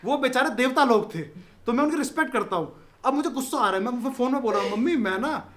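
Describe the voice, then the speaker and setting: A man, telling a story in casual chat, animated, acting out voices and laughing often. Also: extremely high pitch, quick pace. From Delhi, India. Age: 20s.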